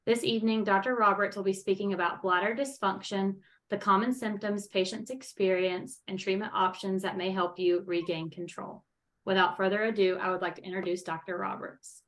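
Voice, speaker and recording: A woman's voice: medium pitch, steady tone, fairly quick, a bit bright. Woman moderator reading a polished intro. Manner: polished, read-aloud delivery. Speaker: webinar moderator. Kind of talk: scripted introduction.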